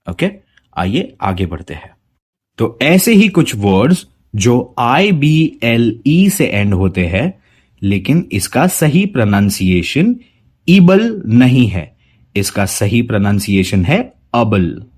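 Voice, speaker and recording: A man teaching English pronunciation as a spoken lesson, slowly repeating and contrasting words to model each sound. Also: mid-range voice, a little mellow, breathy edge.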